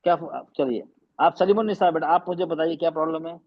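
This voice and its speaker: A man's voice: a little high, quick pace. Patient male teacher on a muffled video call. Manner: patient, repeats points, mixes English phrases. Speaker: tajweed teacher. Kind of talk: online class explanation.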